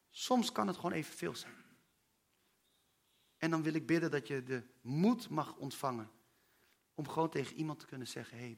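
Man, preacher, sermon, high-pitched voice, earnest, personal, direct address. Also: sharp tone.

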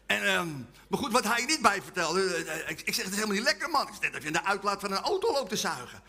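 Lively, bright-voiced male preacher. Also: high-pitched, quick pace, vocal fry. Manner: humorous, animated, leads call-and-response chants. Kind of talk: testimony sermon to a live audience.

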